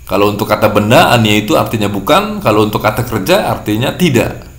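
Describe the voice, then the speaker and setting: A man's voice: lowish voice, lively intonation, fast, a bit bright, echoey room. A man teaching a language lesson, patiently repeating and translating each word. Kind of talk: classroom-style lesson explaining vocabulary.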